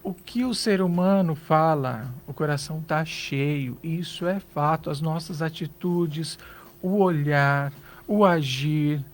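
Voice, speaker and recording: A man's voice: a little high, takes it slowly, slight background noise. A man with a Brazilian accent, a psychologist guest on a radio show, giving earnest advice and asking rhetorical questions. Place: radio studio.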